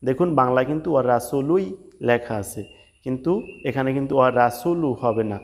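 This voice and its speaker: A man leads a recitation lesson in a mid-pitched voice. He stretches each Arabic word into a slow, sung chant, then drops back into quick, plain explaining. Between the two he spells the words out letter by letter, vowel mark by vowel mark. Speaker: religious teacher.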